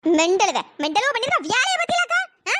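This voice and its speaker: A woman doing a shrill, wailing village mourner. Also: very animated, a little fast, dry recording, full character voice. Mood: scolding. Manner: wailing lament, then sharp scolding. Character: loud middle-aged village woman mourner turned scold. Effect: pitch-shifted voice. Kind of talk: cartoon voice acting. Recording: noisy pitch-shifted recording.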